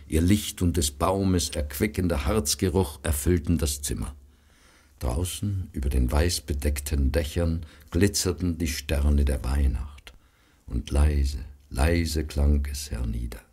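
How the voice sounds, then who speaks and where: A man reads a story aloud in a measured, solemn way. His voice is very low and slightly husky. He takes his time over every sentence. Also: a little mellow. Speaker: narrator.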